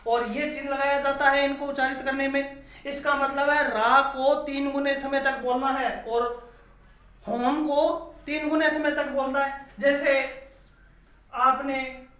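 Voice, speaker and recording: A man's voice: very high voice, level tone, a little slow, pushed and bright. A male teacher giving a classroom lecture, asking his own questions and repeating key phrases, sometimes drawing out vowels to show them. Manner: drawls long vowels to demonstrate. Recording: echoey room, dull lo-fi sound.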